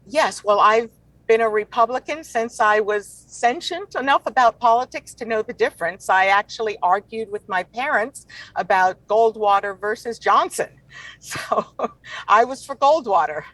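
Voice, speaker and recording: A woman born in Cuba, a political candidate answering interview questions in an earnest, measured way. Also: fairly high pitch, a bit bright, no room sound, rough recording.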